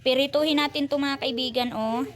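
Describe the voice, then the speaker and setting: A woman's voice: sits high, fairly even intonation, a little fast, noisy background. A young adult woman from the Philippines, chatting casually to her viewers in a family vlog, full of fillers and asides. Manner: chatty, addresses viewers as friends, many fillers. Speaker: vlogger.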